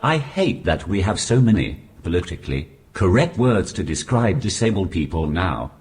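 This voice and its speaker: A man doing a stand-up routine through a text-to-speech communication aid, with flat, deadpan delivery on a live stage. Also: low voice, moderate pace. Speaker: stand-up comedian. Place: comedy stage before a live audience. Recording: noisy live venue recording.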